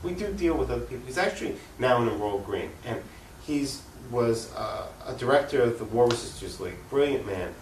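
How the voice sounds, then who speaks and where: On a cable access show, a man with a medium-pitched, animated voice makes an unscripted political case as an interview guest, talking fairly fast with hardly any pauses. He's opinionated and emphatic, leaning heavily on rhetorical questions. The room sounds echoey, the mic is distant, and there's faint noise.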